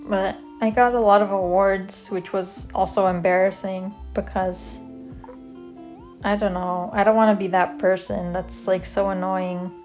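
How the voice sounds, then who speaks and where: A soft-spoken young woman from Canada, casually telling stories about her school years in a rambling, self-deprecating way while she draws, with light music playing behind her. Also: mid-range voice, flat delivery, a little slow. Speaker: vlogger. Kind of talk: casual storytelling over drawing.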